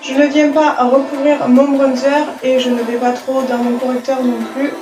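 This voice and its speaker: A woman's voice: sits high, little pitch movement, moderate pace, reverberant. A woman, chatting her way through a makeup tutorial and explaining each step. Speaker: beauty vlogger. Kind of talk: casual makeup tutorial narration.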